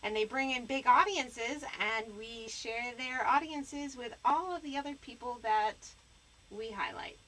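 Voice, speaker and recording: A woman's voice: a little high, a little slow, bright, forceful tone, slight background noise, low-quality recording. A woman hosting a live stream, teasing her guest and rambling with fillers in casual banter. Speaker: stream host.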